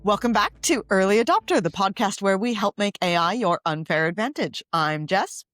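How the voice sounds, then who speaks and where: A woman co-hosting a podcast in casual chat, speaking with a cold, chatty and quick to laugh, often repeating her phrases. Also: mid-range voice, animated, fairly bright tone, no room sound, soft background music. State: has a cold. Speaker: podcast co-host.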